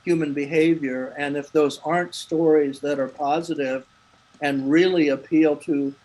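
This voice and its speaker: A man's voice: on the high side, steady tone, moderate pace, mellow, low-quality recording. Earnest man with a raised voice. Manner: earnest, thoughtful, restarts phrases. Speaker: panelist. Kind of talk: casual online talk.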